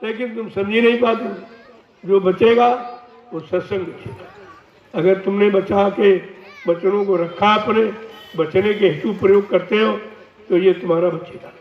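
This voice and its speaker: A man with a high but flat voice delivers a devotional sermon slowly, warning his listeners. He speaks from some distance away from the mic. The recording is dull and lo-fi, with heavy echo from a large hall. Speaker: spiritual teacher.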